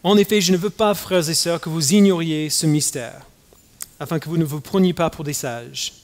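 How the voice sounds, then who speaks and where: Halting, high-pitched male preacher in a hall. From United States. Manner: halting, many fillers and restarts. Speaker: pastor. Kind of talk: sermon. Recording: long hall reverb.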